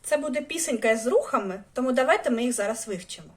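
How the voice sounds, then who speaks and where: A woman with a high, very lively voice teaches a music lesson to young children. She asks coaxing questions and recites rhymes, and her pitch swoops up and down as she speaks. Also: fast, reverberant, distant mic.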